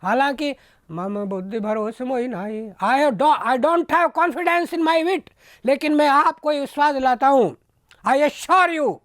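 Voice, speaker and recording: High-voiced man teaching slowly. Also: fairly bright tone, dry recording, studio quality. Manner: slow, deliberate, repeats words for emphasis. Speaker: spiritual teacher. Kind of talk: devotional discourse with pronunciation lessons.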